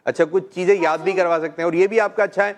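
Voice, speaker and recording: Middle-aged guy hosting a kids call-in show, gentle teacher vibe, slightly high voice. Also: fairly even intonation. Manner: gentle, coaxing questions, frequent "mashallah". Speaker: children's show host.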